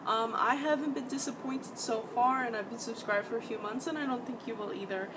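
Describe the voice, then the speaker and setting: A young woman chats eagerly about makeup on a webcam, filling her talk with ums and restarts. Her voice sits a little high and comes from a short distance away. Steady loud noise hums behind her. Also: a little fast. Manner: chatty, enthusiastic, frequent ums and restarts. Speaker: beauty vlogger. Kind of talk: product review vlog. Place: bedroom. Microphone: webcam at desk distance.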